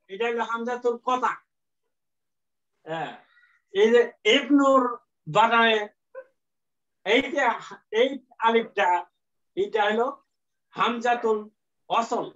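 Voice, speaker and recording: Slow-talking male teacher, lo-fi sound. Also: extremely high pitch, fairly bright tone. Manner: slow, repetitive explaining with many fillers; mixes English terms into his teaching. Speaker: Arabic teacher. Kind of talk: classroom lecture. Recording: dull lo-fi sound.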